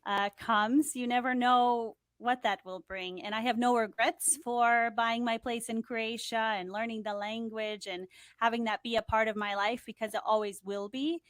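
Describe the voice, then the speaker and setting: A woman's voice: a little high, fairly even intonation, moderate pace, a bit bright, no echo, clean studio sound. A young woman telling stories as the guest of an interview in an upbeat, chatty way. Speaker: guest, TV host and producer. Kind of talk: conversational interview.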